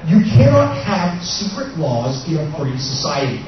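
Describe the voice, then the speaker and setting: A man's voice: on the high side, big pitch swings, moderate pace, crowd noise. Drunk man speaking in a big echoey hall. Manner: rambling, opinionated, swearing. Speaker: conference speaker. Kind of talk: informal talk to an audience. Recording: echoey hall, far from mic, muffled, audience.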